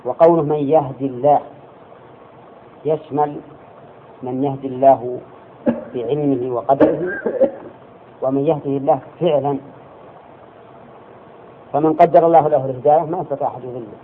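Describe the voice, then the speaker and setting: A male religious teacher giving a classroom lesson, explaining slowly and checking his students with quick questions. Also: mid-range voice, steady tone. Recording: tinny lo-fi lecture recording with faint hiss.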